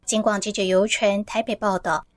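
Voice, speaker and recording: A woman's voice: medium pitch, steady tone, moderate pace, dry recording, clean studio sound. A woman with a Taiwanese Mandarin accent reading a scripted radio news report.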